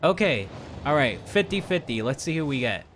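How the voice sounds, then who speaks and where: A man streams a game and chats casually with viewers in a rambling, geeky, slangy style. His voice is fairly high and fairly bright, with big pitch swings and a moderate pace, plus a little hiss or hum in the audio.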